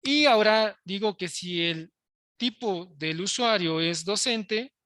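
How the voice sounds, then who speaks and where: Bright-voiced teacher coding live. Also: male voice, high voice, slow pace, no room sound, studio quality. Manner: explains step by step, checks in with students often. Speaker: programming teacher. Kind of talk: live coding lesson to students.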